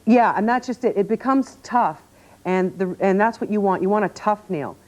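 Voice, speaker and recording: A woman's voice: medium pitch, moderate pace, a little mellow. A woman presenting a product demonstration on home shopping, explaining insistently and repeating key words for emphasis. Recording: dull lo-fi TV audio.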